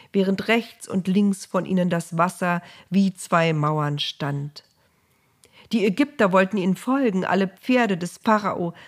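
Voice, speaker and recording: A woman narrating a Bible story in a measured, vivid storytelling manner. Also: fairly low pitch.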